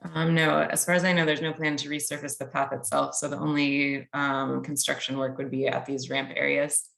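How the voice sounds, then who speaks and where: A woman's voice: low-pitched, flat delivery, normal speed, creaky, fairly bright tone, roomy sound. A woman staff member presenting plans at a public meeting, hesitant with many ums.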